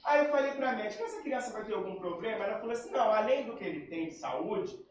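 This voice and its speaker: A man's voice: sits high, expressive, quick pace, slight background noise. A man giving a spiritist talk, telling a personal story and acting out the dialogue of the people in it. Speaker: spiritist lecturer. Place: lecture hall. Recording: very echoey hall, far from mic.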